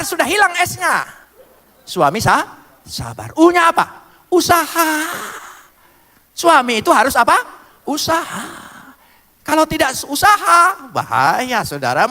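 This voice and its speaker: A male pastor preaching a sermon in a playful, lively way, with wordplay and questions thrown to the congregation. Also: extremely high pitch, long reverb tail.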